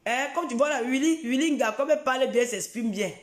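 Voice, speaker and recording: A man's voice: very high voice, quick pace, roomy sound. Taunting man in his forties. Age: 40s. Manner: taunting, repetitive, mocking. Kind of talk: ranting live video.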